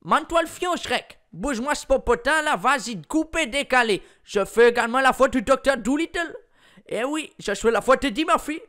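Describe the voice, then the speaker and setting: A man puts on a grumpy cartoon ogre and his loud, jabbering sidekick. Both voices come out loud and animated. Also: extremely high pitch, moderate pace, pauses often, pitched above the performer's own voice, full character voice. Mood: bickering.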